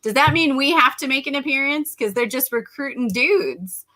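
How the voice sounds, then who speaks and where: Bright, chatty American woman co-hosting. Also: sits high, lively intonation, moderate pace. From United States. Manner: chatty, laughs often, reads live chat aloud. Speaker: livestream co-host. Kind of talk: casual chat.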